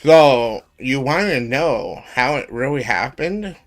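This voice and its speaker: A man in his twenties chatting casually on a live stream, rambling with lots of ums and pauses. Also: mid-range voice, lively intonation, soft background music. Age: 20s.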